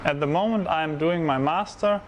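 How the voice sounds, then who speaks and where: A man's voice: a little high, moderate pace, slight background noise. A young man from Germany, a master's student, speaking hesitantly with fillers in an outdoor arcade. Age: young adult. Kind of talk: testimonial interview. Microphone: lapel mic.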